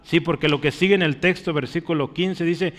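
Guy preaching, explains and keeps checking in with the crowd, kinda high voice, big echoey church. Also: brisk. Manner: teaching, asks the congregation questions. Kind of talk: sermon. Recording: long church reverb.

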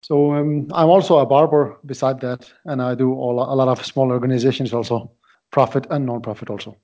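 A man in his late twenties who grew up in Iraq, speaking as a podcast guest. He talks haltingly and repeats words while he looks for the next one. His voice sits at a middle pitch and comes through dull, lo-fi audio. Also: fairly even intonation, a little mellow. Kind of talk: casual interview talk.

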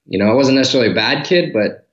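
Relaxed, candid male guest from Detroit; low voice, echoey, slightly muffled home-office audio. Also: very fast. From Detroit, Michigan, US. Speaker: podcast guest. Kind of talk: casual interview talk. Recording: roomy, dull remote audio.

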